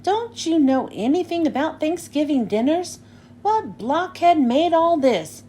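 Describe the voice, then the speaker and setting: Woman voicing a brash high-pitched little girl. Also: expressive, measured pace, dark tone. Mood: indignant. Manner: blunt, scolding. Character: brash, indignant young girl demanding a proper dinner. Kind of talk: children's storybook read-aloud.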